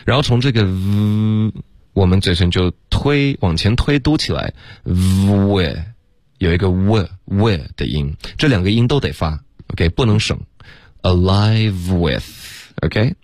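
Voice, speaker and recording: Deep-voiced man teaching English pronunciation. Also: sing-song, darkish tone, dry recording, clean studio sound. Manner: explains in Mandarin and demonstrates English phrases slowly, syllable by syllable. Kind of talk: radio English lesson, co-hosted.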